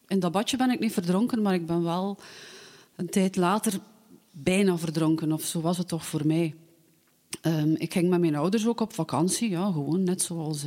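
Low-voiced Flemish woman telling a story. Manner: lively, with frequent hesitations. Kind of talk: personal anecdote told aloud.

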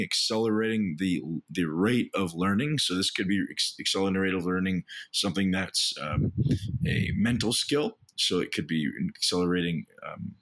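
A man with a hoarse, raspy, gravelly voice, talking casually as a podcast host in a solo segment. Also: fairly low pitch.

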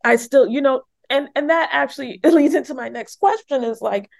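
A woman's voice: high voice, moderate pace, vocal fry. A woman from New York with a faint New York accent, interviewing a guest in casual conversation. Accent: New York, switched off.

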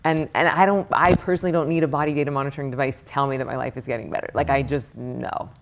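A woman meditation teacher and author answering interview questions, rattling off lists of questions in an animated way. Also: rumbling low, fast, gravelly, a little hiss or hum.

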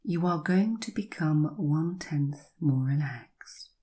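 A woman with a low, breathy voice guides a listener through hypnosis. She speaks very slowly, in soothing, drawn-out phrases broken by long pauses. Her tone is mellow and soft.

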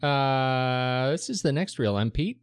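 A man's voice: mid-range voice, lively intonation, slow, smooth. A man hosting a podcast in casual chat, rambling and hesitant as he goes. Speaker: podcast host.

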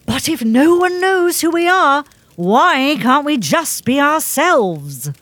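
Wry, lively woman detective. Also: sits high, slow pace, no echo, full character voice. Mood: sceptical. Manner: dry, sardonic, blunt. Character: wry, sceptical woman detective, blunt but game. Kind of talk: scripted audio comedy drama acting.

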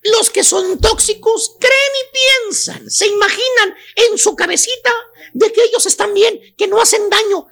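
A shrill, piercingly high radio professor, with a gravelly rasp under every word. He preaches at his co-hosts in crude slang, shouting his points as a radio comedy bit. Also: moderate pace, heavily acted. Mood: ranting. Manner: lecturing rant full of slang, frequently shouting. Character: ranting middle-aged male radio professor, crude and preachy. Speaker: comedy character on a radio show.

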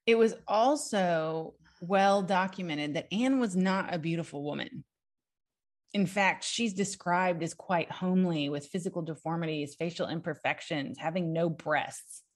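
Excitable woman telling history stories. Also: fairly low pitch, measured pace. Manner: excitable, giggly storyteller. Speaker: podcast co-host. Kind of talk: casual chat, reading history notes.

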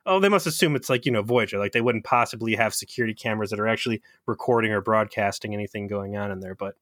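A man's voice: lowish voice, fast talker, a bit bright, dry recording, clean studio sound. A man co-hosting a podcast, chatting casually about a TV episode, swearing and laughing as he acts out lines. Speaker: podcast co-host. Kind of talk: casual chat recapping a TV episode.

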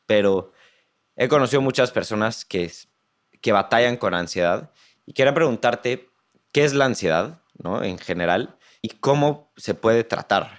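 A man hosts a podcast and asks his questions with a low voice. He hesitates and thinks aloud as he puts them together. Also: lively intonation, normal speed. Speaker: podcast host. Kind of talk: interview questions.

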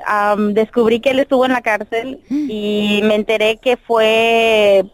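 A woman's voice: a little high, flat delivery, measured pace, dry recording. A woman calling in to a radio show, telling her story in a confiding, hesitant way. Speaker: caller.

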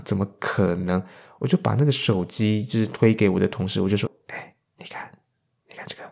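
A young man with a Taiwanese Mandarin accent hosts a podcast, telling stories in a chatty, self-mocking way. His voice sits somewhat low. He acts out the quoted lines of the other people in the story. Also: creaky, darkish tone. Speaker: podcast host. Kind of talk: casual storytelling monologue.

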